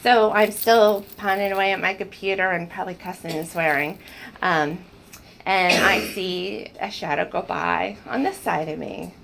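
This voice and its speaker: A woman's voice: lowish voice, normal speed, gravelly, fairly bright tone, slight background noise, poor audio. A woman telling personal stories in an earnest, emotional way, often restarting her sentences. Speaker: spiritual speaker sharing personal stories. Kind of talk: casual personal storytelling.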